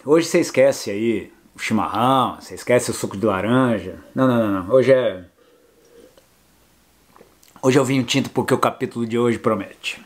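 An older man from Brazil tells his motorcycle travel stories straight to camera, animated and full of jokes. His voice sits at an ordinary middle pitch, and he talks in a loose, colloquial way. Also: normal speed. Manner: animated, jokey, colloquial storytelling. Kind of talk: casual storytelling to camera.

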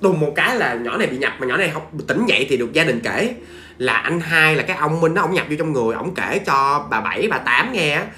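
A man's voice: fairly high pitch, expressive, fast, pushed and bright, reverberant, slight background noise. A man with a Southern Vietnamese accent telling a ghost story in a chatty, familiar way to his listeners. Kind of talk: casual spoken storytelling.

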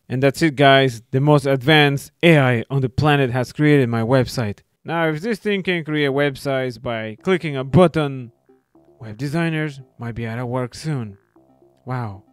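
A man's voice: mid-range voice, dry recording. Wry man narrating a screen tutorial. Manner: wry, self-mocking running commentary. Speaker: video creator. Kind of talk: casual screen-recording tutorial.

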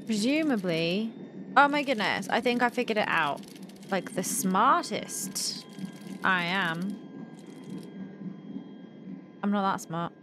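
A young adult woman hosts a gaming video, offering casual let's-play commentary as she thinks aloud in a playful, self-deprecating mutter. Her medium-pitched voice is expressive and slow, with frequent pauses, and there's noise in the background.

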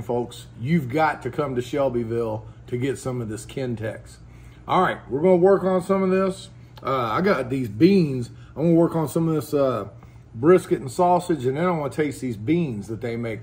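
A man's voice: a little high, darkish tone. A man hosting a casual food review vlog at a restaurant table, folksy and chatty, laughing between bites. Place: restaurant dining room. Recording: faint background noise in a restaurant.

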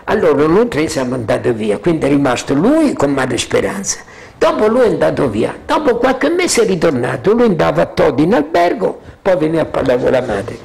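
Older man, gravelly voice, rambling spoken memories, animated storyteller. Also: a little high, fairly quick. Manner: freewheeling, keeps asking "capito?"; animated storyteller, chuckles often. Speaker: witness sharing memories.

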